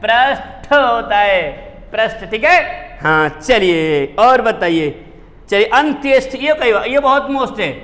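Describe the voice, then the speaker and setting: High-pitched guy teaching spelling slowly, quizzing the class, echoey hall. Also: big pitch swings, a bit bright. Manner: drills words, repeats and quizzes students. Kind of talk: classroom lesson. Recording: long hall reverb.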